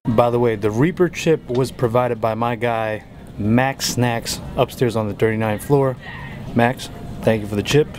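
A man's voice: mid-range voice, a little slow, darkish tone, slight background noise. A man hosting casually and bantering in an office, picked up on a camera mic. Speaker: host. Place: open-plan office. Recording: music over office camera audio.

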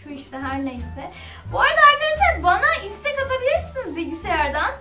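Excitable young woman gamer host, very high and animated, with game music behind her. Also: brisk, far from the mic. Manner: excitable, chatty, shrieks and giggles while playing. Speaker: gaming channel host. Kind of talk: casual gameplay commentary. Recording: echoey room, off-mic, game music behind.

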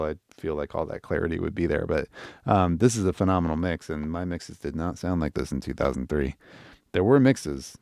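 A middle-aged man hosting a live stream, giving casual, animated feedback and thinking aloud as he chats to viewers. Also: deep voice, gravelly, no room sound, clean studio sound.

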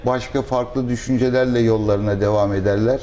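A middle-aged man, a restaurant owner, answering interview questions in a measured, thoughtful way with pauses and fillers, recorded on a lapel mic in a restaurant dining room. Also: medium pitch, fairly even intonation, dark tone, slight background noise.

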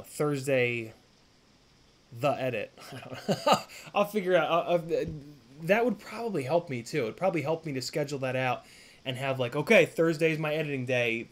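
Chatting with viewers on a live stream from his indoor home workshop, this man in his thirties rambles and curses, restarting often and leaning on fillers. He speaks at medium pitch and a moderate pace.

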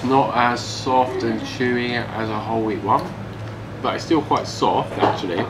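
Seated at a wooden table in a small room, a young man from England reviews food casually as he eats, speaking a little slowly in a mid-range voice with an English accent. He's recorded by a camera opposite him, and the room sound is noisy.

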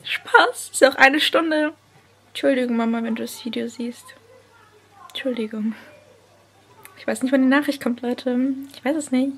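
A young woman vlogging casually at home on her phone, nervous and excitable, sometimes dropping into a whisper. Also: high voice, moderate pace, long pauses, breathy edge. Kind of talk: casual vlog chat.

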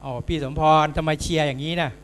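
A playful man co-hosts a party game, teasing the guests as he chats. His voice sits a little high. A faint mains hum hangs in the background. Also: steady tone, fast talker, fairly bright tone. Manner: teasing, joking. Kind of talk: playful event banter.

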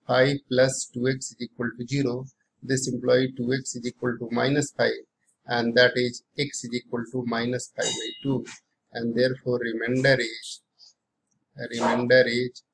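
Gravelly Indian-accented male maths teacher. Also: mid-range voice, a little hiss or hum, low-quality recording. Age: middle-aged. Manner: repeats phrases and poses questions to himself. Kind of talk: lesson, working through problems aloud.

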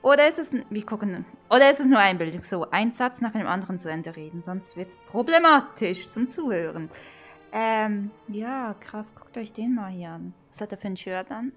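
A woman, vlogging her VR tour in excited, gushing commentary to her viewers. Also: mid-range voice, normal speed, faint music behind. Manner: gushing, exclaiming, talking to viewers. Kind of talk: excited casual vlog commentary. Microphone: VR headset mic.

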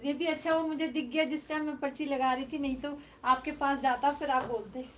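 A middle-aged woman selling used silk sarees on a live stream from home, speaking loudly into her phone and repeating the prices. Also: sits high, fairly even intonation, brisk, slight background noise. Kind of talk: live-stream sales chat. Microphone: phone mic, no external microphone.

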